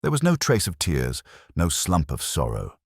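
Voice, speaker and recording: A man narrating a detective mystery story in a calm, measured storytelling manner. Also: very deep voice, gravelly, slightly rough, no echo, clean studio sound. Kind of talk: scripted audiobook narration.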